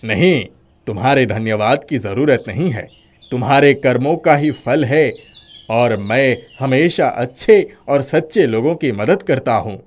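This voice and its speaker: An actor voicing a kind male magic bamboo spirit in an animated storybook, speaking calmly and reassuringly. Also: medium pitch, measured pace. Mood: calm, kindly.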